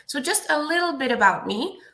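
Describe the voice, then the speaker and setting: A young woman from Peru, a student presenting in a live webinar in earnest, halting English with many fillers. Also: sits high, animated, bright, forceful tone. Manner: earnest, with frequent fillers and restarts.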